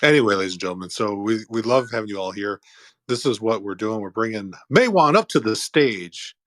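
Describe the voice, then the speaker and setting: A man's voice: on the low side, animated, brisk, a bit bright, no room sound. A man hosting a casual online chat, talking enthusiastically and laughing easily. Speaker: host. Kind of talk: casual chat on an audio room.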